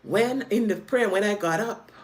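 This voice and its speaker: A woman's voice: medium pitch, moderate pace. A woman sharing a personal testimony in an earnest, faith-filled way, retelling events dramatically. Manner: animated, dramatic retelling with acted quotes.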